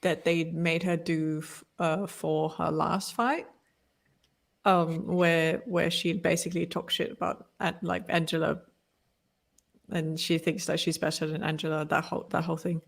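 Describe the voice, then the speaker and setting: This podcast co-host, a woman whose first language is Malay, has a low voice with vocal fry, an unhurried pace, and little pitch movement. The chat is casual and opinionated, and she talks a lot, often starting over.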